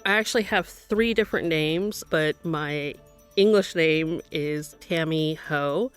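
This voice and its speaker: A woman's voice: low voice, clear, resonant tone, faint music behind. A middle-aged woman from Burma, raised in California, speaking as an interview guest, thoughtfully explaining her background and work. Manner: thoughtful, explanatory, with occasional pauses. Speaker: guest, professor. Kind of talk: interview, personal account.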